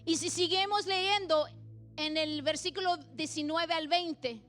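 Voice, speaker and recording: A woman's voice: very high voice, steady tone, measured pace, a bit bright, soft background music. A woman pastor delivering a bilingual sermon, earnest and pleading, preaching in Spanish and then repeating each point in English.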